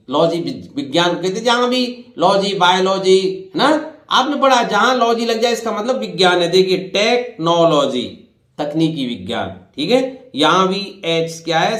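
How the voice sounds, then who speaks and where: A man in his fifties teaching English pronunciation, speaking deliberately, repeating each word and spelling out letters while addressing listeners directly. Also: sits high, a bit bright, reverberant. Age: 50s. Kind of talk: classroom-style spoken lesson.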